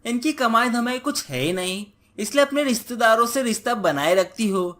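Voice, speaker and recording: Scolding village wife, raised high voice, played by a male narrator. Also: lively intonation, moderate pace, pushed and bright, full character voice. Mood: scheming. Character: nagging village wife, young adult, sharp-tongued.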